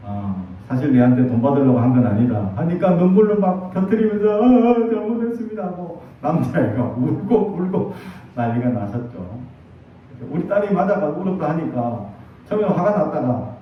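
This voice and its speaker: A middle-aged man preaching a sermon as pastor, telling stories in an animated way and acting out quotes. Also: high-pitched, slight background noise. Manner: animated storytelling with acted quotes. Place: church sanctuary. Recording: echoey distant, dull church sound.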